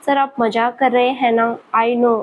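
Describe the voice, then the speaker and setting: A woman's voice: on the high side, level tone, measured pace, phone-quality sound, a little hiss or hum, lightly acted. A woman voicing a spirited young female student who pleads and pouts. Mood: pouty. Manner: pleading, pouty.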